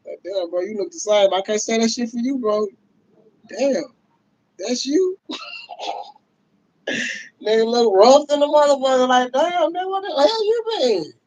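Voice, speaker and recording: A man, hosting a casual livestream rant. He talks loudly and profanely to his viewers, laughing often. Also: very high-pitched, highs cut off. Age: 30s. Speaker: livestream host.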